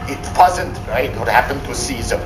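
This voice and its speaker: A woman's voice: a bass voice, lively intonation, moderate pace. A woman acting in a drama as a bitter, despairing male prison-camp inmate, brooding and anguished. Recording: noisy, echoing room.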